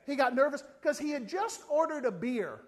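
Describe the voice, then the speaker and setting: Against a noisy background, an evangelist preaches in a very high voice at a moderate pace. He isn't from South Africa, and his sermon includes a funny story told with animation, briefly voicing the people in it.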